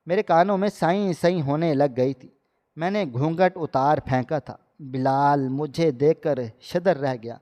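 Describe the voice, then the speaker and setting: A man reading a dramatic first-person story in a steady storytelling manner. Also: on the high side. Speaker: narrator. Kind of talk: scripted story narration. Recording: long hall reverb.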